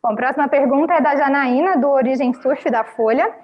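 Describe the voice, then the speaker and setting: A woman runs a press conference and reads out each reporter's question in a brisk, businesslike way. Her voice sits high. The recording sounds slightly dull. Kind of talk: reading out questions.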